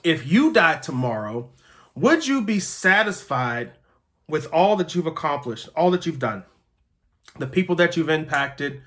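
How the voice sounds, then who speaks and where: A man's voice: fairly high pitch, sing-song, measured pace, a bit bright. A man delivering an earnest motivational pep talk as a host, emphatic, repeating key phrases and checking in with listeners.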